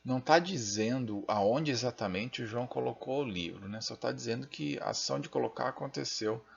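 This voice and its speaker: Brisk and creaky, at medium pitch, a Brazilian man lectures on linguistics in a dull-sounding recording. His Brazilian Portuguese accent accompanies thinking aloud, frequent tag-question check-ins and self-deprecating asides as he works the mouse.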